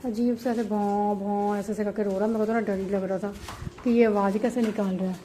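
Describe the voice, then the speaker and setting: Brief: mom vlogger with a tinge, rambling and conversational, filmed at home over noisy household ambience. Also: female voice, mid-range voice, fairly even intonation, fairly quick. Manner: chatty, explaining at length with many fillers. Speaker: mother vlogging about her baby. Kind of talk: casual home vlog. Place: at home, indoors.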